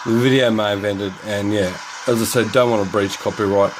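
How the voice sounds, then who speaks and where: A man's voice: fairly low pitch, fairly even intonation, a little fast, background noise. A man casually narrating a lockpicking and electronics demo, rambling and swearing as he thinks aloud indoors at home.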